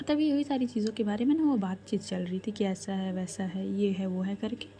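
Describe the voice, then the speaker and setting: A woman's voice: mid-range voice, a little fast, warm tone, slight background noise. A woman telling a love story in a chatty, casual way, talking straight to her listeners. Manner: chatty, addresses listeners directly.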